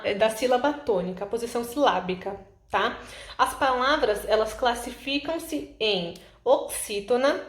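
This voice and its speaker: A Brazilian woman teacher with a slightly high voice talks through exercise answers. She speaks patiently and explains each step. The room echoes around her. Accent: Brazilian Portuguese. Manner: patient, explanatory, checks in with frequent "tá?". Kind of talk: correcting homework exercises.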